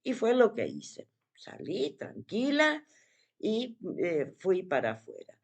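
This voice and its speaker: Lively, animated woman telling a story. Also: mid-range voice, gravelly, slightly rough. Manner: animated, expressive retelling with dramatic pauses. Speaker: vlogger. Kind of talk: casual personal storytelling to the viewer.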